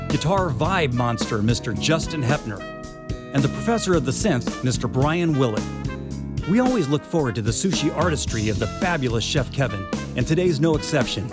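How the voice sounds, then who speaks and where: A man from Japan hosting a show, giving an upbeat scripted narration as he introduces the show and its players. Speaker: host. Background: loud bass and guitar music.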